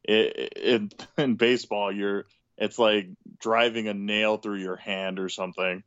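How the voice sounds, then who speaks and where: Smooth american guy talking sports casually, halting delivery, a bit lo-fi, no room sound. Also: lowish voice, little pitch movement, a bit bright, no echo. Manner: halting, repeats words. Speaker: sports podcast co-host.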